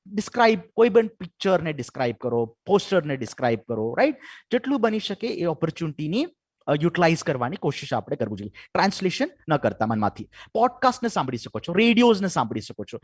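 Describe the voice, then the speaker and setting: A man's voice: high-pitched, dry recording, clean studio sound. A man with a Gujarati accent giving a webinar lecture on improving English, mixing Gujarati and English and asking "right?" after almost every point. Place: home or office for an online webinar.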